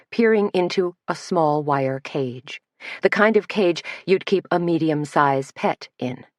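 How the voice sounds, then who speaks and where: A woman reads a mystery novel aloud, her voice low and steady. The recording is close and dry, with no room sound. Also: dry recording. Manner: steady, measured reading. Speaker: audiobook narrator. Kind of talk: scripted narration.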